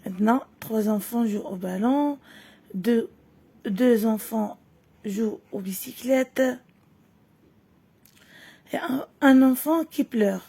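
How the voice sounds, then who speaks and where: A Moroccan woman teacher reads a French lesson text slowly and clearly, then explains it quickly in Moroccan Arabic. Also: fairly high pitch, mellow. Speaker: primary school French teacher. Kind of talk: reading lesson, slow read-aloud with explanations.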